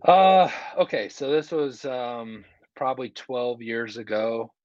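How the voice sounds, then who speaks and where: A man's voice: mid-range voice, expressive, slow, darkish tone. A man telling a casual anecdote as a guest comedian on a podcast, recorded in a hallway with audible echo. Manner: conversational, quotes other people's dialogue. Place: indoor hallway, video call. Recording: echoey hallway, dull muffled sound.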